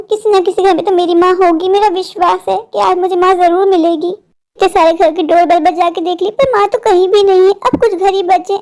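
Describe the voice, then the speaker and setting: A woman doing a very high-pitched determined little girl. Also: darkish tone. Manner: earnest, pleading, talks to herself. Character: determined little girl searching for her mother. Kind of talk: cartoon storytelling.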